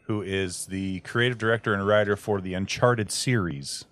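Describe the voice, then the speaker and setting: A man's voice: on the low side, steady tone, moderate pace, fairly bright tone, no room sound. A man chatting casually as a panelist. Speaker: podcast panelist. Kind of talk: casual chat.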